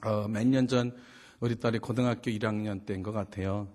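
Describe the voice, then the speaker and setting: A man's voice: steady tone, fairly quick, darkish tone. A pastor in his fifties preaching a sermon in a conversational storytelling way, asking rhetorical questions and acting out dialogue. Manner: acts out dialogue with rising pitch and volume.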